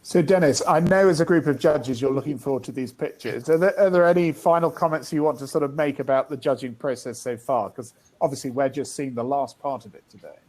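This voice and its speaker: A man hosts a live business event with a friendly, chatty delivery. His pitch sits in the middle range, and he often restarts his sentences as he talks. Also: fairly quick, few pauses, darkish tone, poor audio. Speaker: event host.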